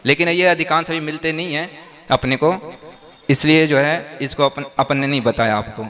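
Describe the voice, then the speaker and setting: A man's voice: a little high, moderate pace, fairly bright tone. A man, a monk, teaching verse meter to a class, patiently explaining step by step and quizzing them with repeated questions.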